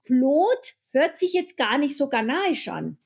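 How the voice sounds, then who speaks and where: A woman's voice: high-pitched, very animated, slow, gravelly. A woman hosting a casual interview, asking questions and giving frequent encouraging murmurs. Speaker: podcast host.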